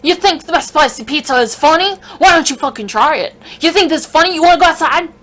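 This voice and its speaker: A man's voice: very high voice, expressive, quick pace, bright, forceful tone, voice pushed up, heavily acted. A woman voicing a furious man who screams threats and taunts over and over. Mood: screaming, threatening. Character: furious, high-strung man yelling threats at staff.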